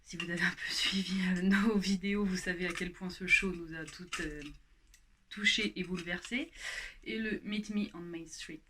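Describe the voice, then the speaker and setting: A woman's voice: lowish voice, fairly even intonation, moderate pace, pushed and bright, slight background noise. A young woman chatting casually through a haul vlog, with many fillers and restarts. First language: French. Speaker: YouTuber showing her haul.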